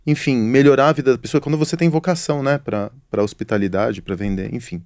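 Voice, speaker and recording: A middle-aged man hosts a casual interview podcast, telling stories in a reflective, philosophical manner with apologetic asides. He speaks fast in a mid-range, slightly mellow voice. The recording is dry.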